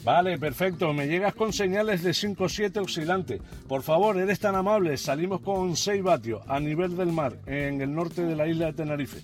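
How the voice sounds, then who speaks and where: A man's voice: on the high side, normal speed, few pauses, faint music behind. A man working as an amateur radio operator, courteously repeating phonetic call signs and signal reports in set phrases.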